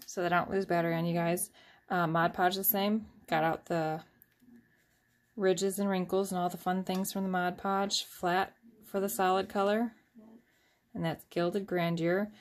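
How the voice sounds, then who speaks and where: A woman's voice: on the low side, little pitch movement, unhurried, pauses often. A woman in her thirties hosting a casual, rambling craft tutorial at home, often joking about herself. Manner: chatty, rambling and self-deprecating. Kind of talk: casual step-by-step craft demonstration.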